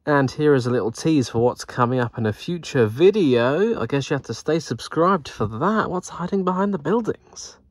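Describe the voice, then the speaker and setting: This man's voice sits on the high side, with lively intonation, a moderate pace and hardly any pauses. As a channel host, he thinks aloud while building Lego, keeping his narration chatty and cheerful over the build footage. There's no echo.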